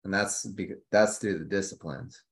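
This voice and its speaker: Male podcast guest in his forties on a video call, low-ish voice, casual and profane. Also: steady tone, moderate pace. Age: 40s. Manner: loose, profane, filler-heavy. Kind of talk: casual conversation.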